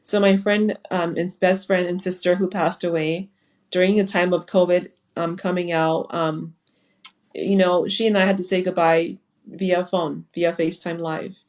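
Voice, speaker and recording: A woman's voice: lowish voice, level tone, moderate pace, darkish tone. A woman from Liberia, speaking as a panel guest on a video call in an earnest, reflective way with frequent fillers. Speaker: foundation founder and panel guest. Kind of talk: casual panel talk on a live webinar.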